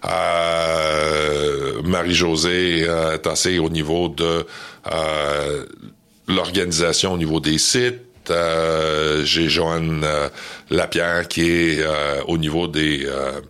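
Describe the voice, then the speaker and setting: Homme québécois, voix grave, parle en cherchant ses mots, entrevue. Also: male voice, a bass voice, little pitch movement, slow, a bit bright, clear, resonant tone. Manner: hesitant, many fillers and restarts. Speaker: charity event organizer guest. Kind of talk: radio interview.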